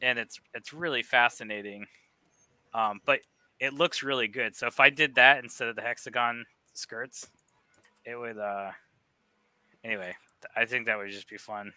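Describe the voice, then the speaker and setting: Bright-voiced rambling man. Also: medium pitch, steady tone, clean tone, dry recording. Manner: rambling, halting, many fillers. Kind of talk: casual chat. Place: home workshop.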